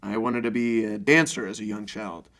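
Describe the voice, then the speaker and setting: A man's voice: lowish voice, moderate pace, vocal fry, a bit bright. A man acts out a stern scout father in an improvised comedy sketch. He is pompous and solemn, instructing his young son as if it were a grave duty.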